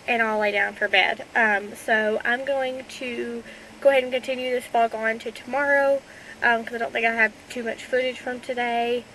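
High-pitched woman, twenties, chatty vlog talk, light fillers. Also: fairly bright tone, a little hiss or hum. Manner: chatty, filler-heavy, sweet. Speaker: vlogger. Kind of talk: casual vlog chat to camera.

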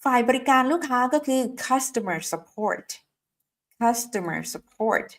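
A woman's voice: sits high, little pitch movement, fast talker. A woman English teacher giving an online lesson, drilling phrases word by word and prompting viewers to repeat them aloud.

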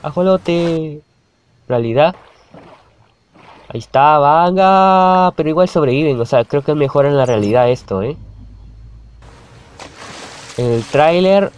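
A man's voice: on the high side, expressive, a little slow, long pauses, a little mellow. A young man, chatting and reacting to a video on his channel, laughing often and calling out at the screen. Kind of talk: casual reaction commentary.

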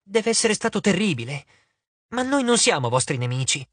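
A man voicing a gentle, persuasive teenage girl in an audiobook. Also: high-pitched, sing-song, normal speed, no echo, heavily acted. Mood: pleading. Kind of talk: audiobook character voice.

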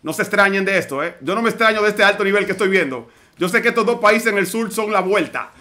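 High, bright-voiced excited esports caster. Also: male voice, quick pace. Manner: energetic, urgent, addresses viewers as "señores". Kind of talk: live play-by-play fighting game commentary.

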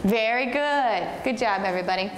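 In a classroom before a whiteboard, a twenty-something woman from the U.S. teaches English to young children with patience, encouragement and plenty of praise. Her voice is a little high and her pace normal, with crowd noise present. The sound comes from a distant camera in an echoey, noisy room with long reverb.

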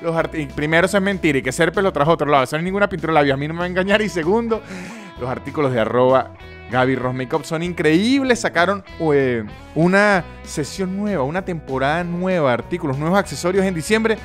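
A man's voice: on the high side, expressive, quick pace, a bit bright, soft background music. A man with a Venezuelan Andean accent hosting a casual podcast, talking in a chatty, jokey way with frequent stumbles and restarts. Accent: Venezuelan Andean, San Cristóbal. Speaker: podcast host. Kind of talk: casual podcast monologue with ad reads.

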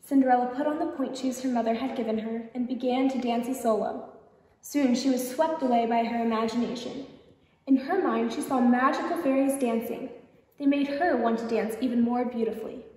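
A woman reading a children's picture book aloud at a library storytime, gently asking the children questions. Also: fairly high pitch, fairly quick. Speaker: storytime reader. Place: library event room. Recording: echoey hall, distant mic.

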